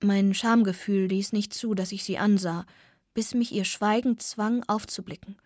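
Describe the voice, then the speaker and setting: A woman reading a first-person novel aloud, soft and often close to a whisper. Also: medium pitch, fairly even intonation, moderate pace, dry recording. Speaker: audiobook narrator.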